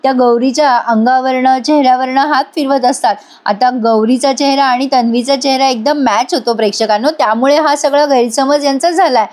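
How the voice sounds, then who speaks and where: High-voiced woman recapping a serial. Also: steady tone, normal speed, hardly any pauses, darkish tone. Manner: chatty, addresses viewers. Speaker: serial reviewer. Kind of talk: storytelling recap.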